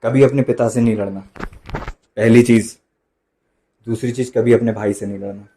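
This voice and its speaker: A man preaching a sermon, switching between loud emphatic bursts and quiet dropped asides, slowing right down for quoted lines. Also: mid-range voice, steady tone, slight background noise. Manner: mixes in English phrases and slow drawn-out quotes. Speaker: pastor.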